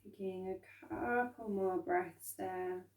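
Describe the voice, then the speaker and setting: A woman instructor leading a calm grounding meditation, speaking gently and unhurriedly with soft pauses. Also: on the low side. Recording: roomy echo, distant from microphone.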